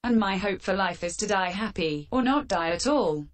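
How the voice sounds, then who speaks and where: A woman hosting a fan Q&A with sarcastic, deadpan answers, her voice run through a metallic filter. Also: medium pitch, moderate pace. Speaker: channel host answering fan questions. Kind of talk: scripted comedic Q&A.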